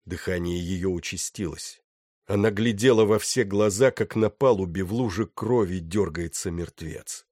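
A man narrating a novel with steady, dramatic storytelling. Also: low-pitched, normal speed, no room sound, studio quality. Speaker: audiobook narrator. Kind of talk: scripted narration.

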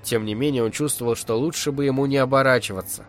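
A man in a measured, dark storytelling manner, reading an audiobook as narrator. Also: medium pitch, a little hiss or hum. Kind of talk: scripted narration.

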